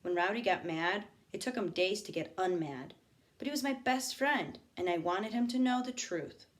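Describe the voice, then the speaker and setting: A female teacher reads a novel aloud to her students expressively, stopping now and then for asides to the class. Her voice is mid-range.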